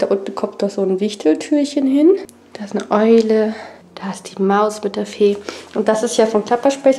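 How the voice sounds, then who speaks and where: In this casual house tour vlog, a young woman who has a cold shows off her family home room by room, chatting and pointing as she films on a wide-angle action camera held at arm's length. Her voice is a little high with a dark tone.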